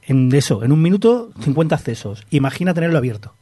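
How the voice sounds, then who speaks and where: A man co-hosting a podcast who drops wry, teasing remarks. His voice sits a little high with a husky edge. The sound is close and dry. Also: very animated, quick pace, dark tone, no echo. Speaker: podcast co-host. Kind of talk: casual chat.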